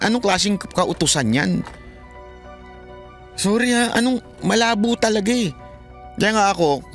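In this vlog, a man with a fairly high voice offers heated commentary, preaching and pleading with his audience. He quotes scripture in English as he goes.

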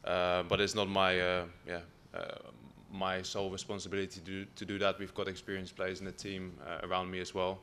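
Deep, bright-voiced young man, even tone. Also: normal speed, hardly any pauses. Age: 20s. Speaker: footballer at press conference. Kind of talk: press conference answers. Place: press room, indoors. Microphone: table microphone. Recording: faint room noise.

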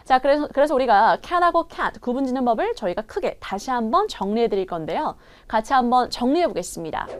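Lively high-voiced woman teaching English. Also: slight background noise. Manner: lively, animated, repeats English words slowly for learners. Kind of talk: online English pronunciation lesson.

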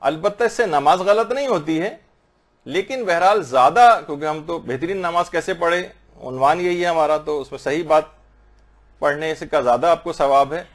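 A man with a somewhat high voice gives a patient lesson on reciting prayers correctly. He slows right down to sound out Arabic phrases letter by letter, then goes back to plain explanation. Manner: slow, drawn-out recitation of Arabic phrases to demonstrate pronunciation. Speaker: religious teacher.

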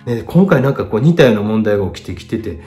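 A middle-aged man with a Kansai accent, chattily critiquing viewers' artworks as a painter, his pitch swinging lively between phrases. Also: quick pace. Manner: chatty, lively swings in pitch and loudness, self-deprecating asides. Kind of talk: online art critique.

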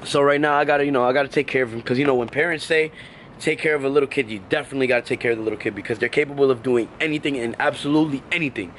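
A young man who makes prank vlogs chats casually by a backyard pool, rambling, repeating himself and using lots of fillers. His mid-range voice goes very fast. Loud background music plays over his speech, and there's a little hiss or hum.

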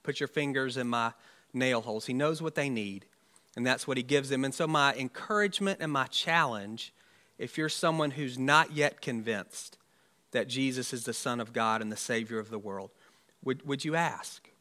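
Bright-voiced man preaching conversationally. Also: mid-range voice, normal speed. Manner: conversational, wry asides, many restarts. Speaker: pastor. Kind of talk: sermon. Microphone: church livestream mic.

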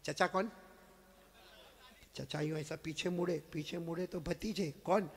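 A man preacher telling a story at a live religious gathering, swinging from hushed narration to shouted exhortation and calling on the crowd to answer. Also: on the high side, fairly even intonation, measured pace, breathy edge, in a large hall. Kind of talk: dramatic storytelling sermon.

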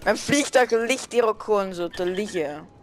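A young-sounding gamer with a Flemish accent, giving casual, jokey and excitable commentary while playing with a friend, often repeating phrases. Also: mid-range voice, moderate pace, heavy background noise. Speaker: gaming video host.

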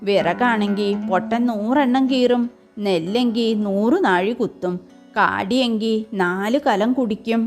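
A man's voice: sits high, unhurried, soft background music. A woman reading the part of a sly middle-aged male servant who pleads plaintively, feigning grief. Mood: pleading.

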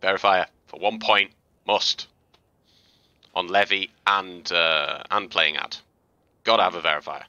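A man casually talking through game footage as a tutorial host, chatty and relaxed, with fillers and restarts. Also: low voice, measured pace, pauses often, no echo, highs cut off. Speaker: gaming video host. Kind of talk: casual gameplay commentary and tutorial.

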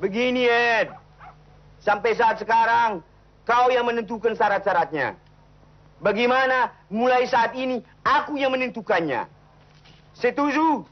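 Indignant, high-voiced town elder. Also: male voice, measured pace, long pauses. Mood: indignant, defiant. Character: principled, indignant, defiant male town elder. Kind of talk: 1970s comedy Western film acting. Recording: dull, noisy old film soundtrack.

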